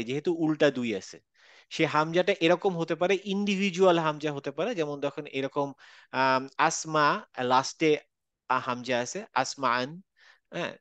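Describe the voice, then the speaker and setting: A man's voice: on the high side, fairly bright tone, smooth, no room sound. A man with a Bangladeshi Bengali accent teaching an online Quran class, patiently repeating sounds to demonstrate them. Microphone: video call.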